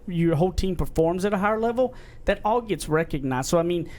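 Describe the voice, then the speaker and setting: A man's voice: sits high, animated, a little fast, darkish tone. A man with a twang co-hosting a podcast in casual, rambling chat. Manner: rambling, earnest, self-described redneck voice. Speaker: podcast co-host.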